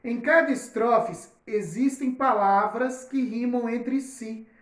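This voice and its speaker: A woman teaches children, speaking slowly and carefully, with a fairly high voice. She stresses example words and keeps asking whether the class is following. Her voice echoes in a roomy space. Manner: slow, deliberate, spells out example words and checks understanding often. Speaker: primary school teacher. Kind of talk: recorded online lesson.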